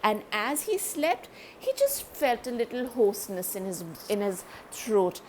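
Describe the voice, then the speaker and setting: A woman reading a children's story aloud, animated and speaking directly to young listeners. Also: a little high, a little slow, slight background noise.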